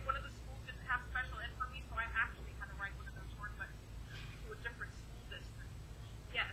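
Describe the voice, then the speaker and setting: A woman's voice: sits high, sharp tone, a little hiss or hum, poor audio. A woman doing a casual live webcam stream at home, rambling and giggling as she talks into her webcam mic. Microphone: webcam microphone.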